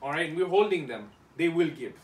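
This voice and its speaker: Man, high voice, emphatic pep talk, repeated phrases, distant mic, roomy sound, faint noise. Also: animated, fast. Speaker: team leader giving a pep talk. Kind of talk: motivational team talk. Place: echoey indoor room, locker room.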